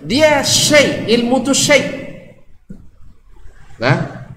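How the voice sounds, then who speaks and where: A man's voice: extremely high pitch, very slow, a little hiss or hum. A man with an Ocu Malay accent giving an Islamic study lecture, asking the audience questions and joking as he teaches. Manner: lively, jokes with the audience, asks questions. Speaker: preacher. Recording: echoey hall, faint ambience.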